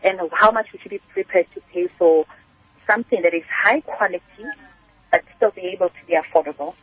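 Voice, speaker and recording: A brisk, slightly rough woman's voice on the low side, with no echo, belongs to a spice business entrepreneur from Kimberley, South Africa. As a radio interview guest on a narrow phone line, she answers conversationally, giving long, story-style explanations.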